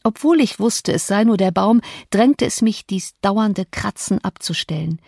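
A woman reading a classic novel as an audiobook narrator, measured and dramatic, on a close studio mic. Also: medium pitch, lively intonation, a little mellow, no echo.

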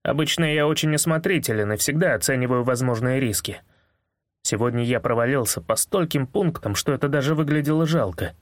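A man's voice: medium pitch, a little fast, no echo. Man narrating a novel in first person. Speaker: audiobook narrator.

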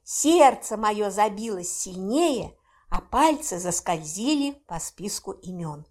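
A woman narrating a first-person fantasy audiobook in an expressive, animated reading. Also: mid-range voice, slow.

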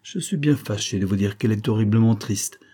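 A man voicing a gentle, earnest young woman in an audiobook, pleading softly with a friend. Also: fairly low pitch, moderate pace, breathy edge. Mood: lively.

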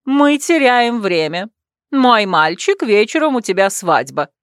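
Audiobook: woman reader doing a domineering werewolf clan mother, loud and emphatic, dry mic. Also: a little high, very animated, no echo. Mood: commanding. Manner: loud, commanding, slow and emphatic. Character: stern domineering werewolf clan matriarch, middle-aged woman.

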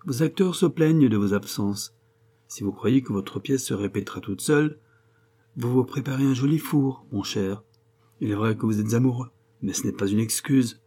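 A man's voice: medium pitch, moderate pace, warm tone, close to an everyday voice. A man reading aloud, voicing a sarcastic, worldly middle-aged writer who lectures in a mocking tone.

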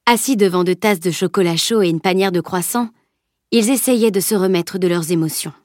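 A woman narrating a novel as an audiobook, in an even, steady reading. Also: on the low side, a little fast, no echo, clean studio sound. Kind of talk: scripted narration.

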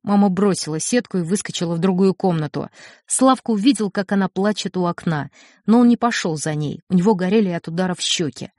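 A woman audiobook narrator reading a story in a measured, expressive way. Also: on the low side, dry recording. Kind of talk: scripted narration. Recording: dry studio recording.

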